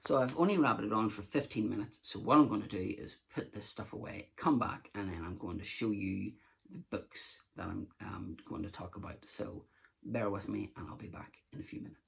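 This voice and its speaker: A man with a lowish, slightly bright voice and some vocal fry hosts a collector vlog, speaking at a moderate pace. It's a casual show-and-tell where he rambles through his books, full of fillers and restarts.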